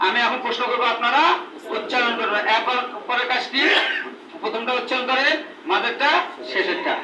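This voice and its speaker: A man's voice: extremely high pitch, fairly even intonation, brisk. A man teaching Quran reading to a group of instructors, asking questions again and again and drilling them in call and response. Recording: echoey room, mic far off, noisy.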